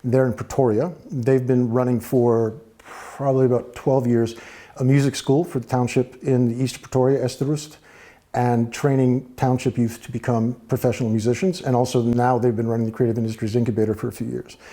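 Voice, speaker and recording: Mellow American man, measured guest. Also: mid-range voice, flat delivery. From United States. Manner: thoughtful, measured, with frequent fillers. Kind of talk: relaxed interview talk. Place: TV studio.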